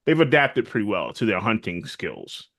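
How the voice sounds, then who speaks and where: A man co-hosting a casual podcast recap of a TV series, animated and often acting out characters' lines. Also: on the low side, normal speed, dry recording. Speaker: podcast co-host.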